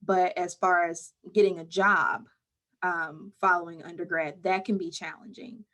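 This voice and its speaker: Low-voiced woman therapist, calm. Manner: calm, measured explaining. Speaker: mental health counselor, guest. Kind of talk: conversational interview answers.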